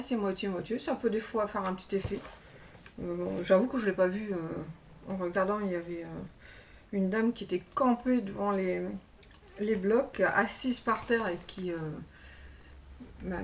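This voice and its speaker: A woman chats through a crafting haul, pausing often with little fillers as she hunts for words. Her mid-pitched voice sits a bit back from the mic, with a faint hiss in the background. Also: recorded from a distance. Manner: chatty, hesitant, many fillers. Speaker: crafting YouTuber. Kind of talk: casual show-and-tell haul.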